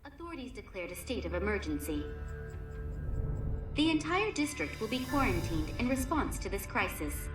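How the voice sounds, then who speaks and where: A woman voicing a news announcer whose emergency bulletin breaks into a program over a speaker, reading in a formal, official manner. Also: medium pitch. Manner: crisp, official, measured delivery. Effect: broadcast bulletin interrupting a program, over a speaker. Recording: echoey, distant broadcast with music behind.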